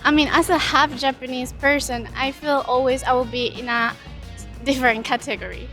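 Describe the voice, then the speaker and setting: A woman's voice: high-pitched, steady tone, moderate pace, fairly bright tone, soft background music. A woman in her late twenties from Colombia, chatting casually about her life in an interview.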